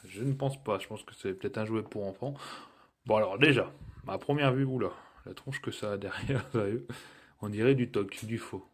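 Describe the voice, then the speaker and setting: A man's voice: on the low side, moderate pace. A man talking casually through an unboxing review of a cheap gadget, joking and filling gaps with hesitations. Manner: chatty and joking, with many fillers. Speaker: tech reviewer.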